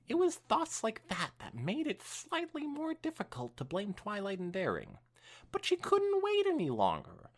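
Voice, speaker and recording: A podcast co-host with a lowish voice reads fan fiction aloud in an expressive, swooping storytelling style, adding casual asides.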